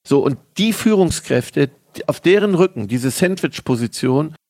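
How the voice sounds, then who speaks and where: Gravelly husky middle-aged man hosting a podcast. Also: a little high, lively intonation, a little slow, a little mellow, no echo, studio quality. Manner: emphatic, rambling, many filler tags. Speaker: podcast host. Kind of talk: casual podcast conversation.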